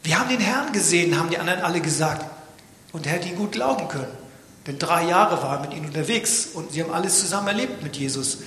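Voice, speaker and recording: A man's voice: on the high side, animated, fast, pushed and bright, slight background noise. Man preaching in an echoey hall. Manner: dramatic, drops to a whisper for emphasis. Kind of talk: sermon. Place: church. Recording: echoey church hall with long reverb.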